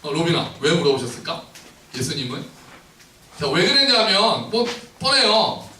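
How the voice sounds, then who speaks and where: Brief: bright-voiced male preacher, playful and questioning, heard from a distance in a reverberant sanctuary. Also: a little high, big pitch swings, normal speed. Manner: playful, questioning, acts out the scripture scenes. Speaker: pastor. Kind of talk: lively sermon to a congregation with children. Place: church sanctuary. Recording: roomy church hall, mic at distance, faint noise.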